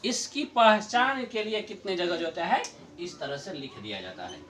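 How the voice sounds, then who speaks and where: A middle-aged man teaching a grammar lesson to a class, explaining slowly, repeating his points and chuckling often. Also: high-pitched, wildly swooping pitch, fairly bright tone, a little hiss or hum.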